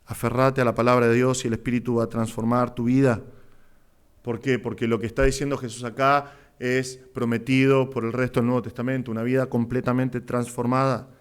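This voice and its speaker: Preaching with passion, an Argentine male pastor with a Rioplatense Spanish accent alternates loud exclamations with hushed asides. His mid-range voice is smooth and brisk, with little pitch movement.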